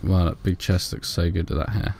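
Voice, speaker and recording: A man's voice: deep voice, little pitch movement, brisk, creaky. A hungover man in his thirties chatting casually and wearily while streaming a video game. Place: indoor room at a desk.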